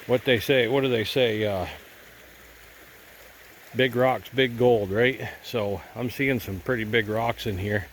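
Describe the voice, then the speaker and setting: This man talks slowly at a medium pitch with fairly even intonation, a little hiss or hum behind him. He's a gold prospecting vlogger nursing a head cold, casually rambling and thinking aloud as he films outdoors by a cold stream.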